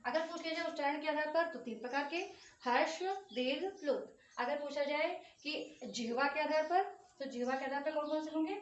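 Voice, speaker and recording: A woman's voice: sits high, a little fast, dull audio, a little hiss or hum. A woman teaching a Hindi grammar lesson for exam prep. She says sounds aloud and draws out the long ones, checking in often with students. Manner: drills vowel sounds aloud, stretching long ones, with frequent "ठीक है" check-ins. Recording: echoey room, voice a bit far from the mic.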